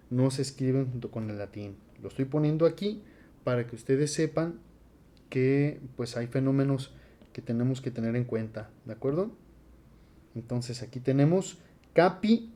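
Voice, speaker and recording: A man teaching Latin grammar in a relaxed, conversational classroom lecture, with frequent fillers. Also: mid-range voice. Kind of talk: casual classroom lecture at a board.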